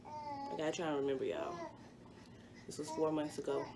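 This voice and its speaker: A woman's voice: sits low, huge pitch swings, moderate pace, noisy background. A woman in her twenties, a vlogger chatting through a personal story with plenty of fillers. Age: 20s. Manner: chatty, rambling, full of fillers. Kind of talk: casual storytime.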